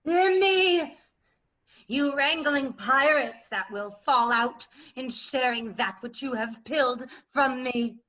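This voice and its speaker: A woman's voice: sits high, sharp tone, heavily acted. A woman playing a bitter, deposed old queen in classical verse, declaiming with scorn over a video call. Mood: scornful fury. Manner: declamatory, scornful, slow and deliberate. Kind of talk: classical verse stage acting. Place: remote video-call staged reading. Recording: dull video-call audio.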